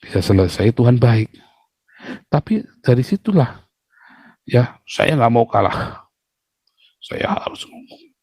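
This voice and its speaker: A man's voice: medium pitch, very animated, a little slow, long pauses, mellow, husky, no echo, studio quality. A middle-aged man preaching a sermon, telling family stories with sudden exclamations and laughs. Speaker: pastor.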